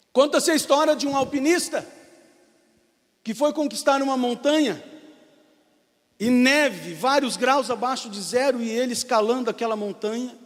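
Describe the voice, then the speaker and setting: A Brazilian man preaching an impassioned sermon as pastor, rising to shouts, in a reverberant church. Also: very high-pitched. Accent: Brazilian Portuguese.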